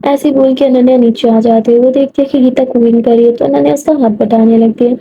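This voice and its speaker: A woman's voice: a little high, fairly even intonation, dark tone. A woman narrating a love story in a casual, conversational storytelling style, with many asides. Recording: dull lo-fi audio with faint noise.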